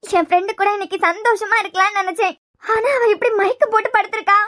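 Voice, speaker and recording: A woman doing a shrill, melodramatic young man. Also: steady tone, fast, fairly bright tone. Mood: fretting. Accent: Kanyakumari Tamil. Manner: wailing, melodramatic. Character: overwrought young man fussing over his friend. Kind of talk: cartoon web series voice acting.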